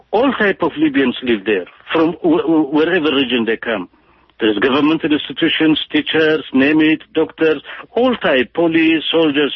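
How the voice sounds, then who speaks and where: Husky-voiced man giving emphatic commentary. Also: a little high, no echo, highs cut off. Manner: halting, emphatic, frequent restarts and fillers. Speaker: political commentator. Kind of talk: impassioned political commentary.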